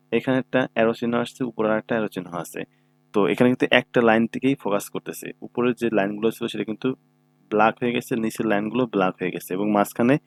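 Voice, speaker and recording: On his own mic, with slight background noise, a man with a fairly low voice teaches computer skills through a screen recording. He goes through every step patiently, regularly making sure his audience is following.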